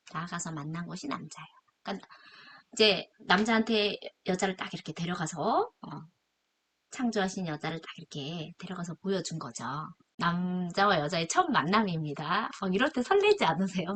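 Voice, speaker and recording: Bright-voiced woman teaching English scripture. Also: lowish voice. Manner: chatty, asks rhetorical questions, laughs at herself. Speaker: English Bible study teacher. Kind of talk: casual lecture explaining scripture and English.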